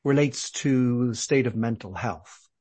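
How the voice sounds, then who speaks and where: A man with a posh English accent, a podcast guest telling a story in a thoughtful, measured way. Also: mid-range voice, a little mellow, slightly rough. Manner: thoughtful, measured, some repeated words. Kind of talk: conversational storytelling.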